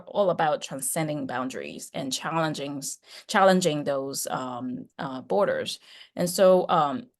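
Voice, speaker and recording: A woman's voice: low voice, vocal fry. A middle-aged woman professor on a video call, talking chattily with many fillers and restarts. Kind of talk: online class introduction.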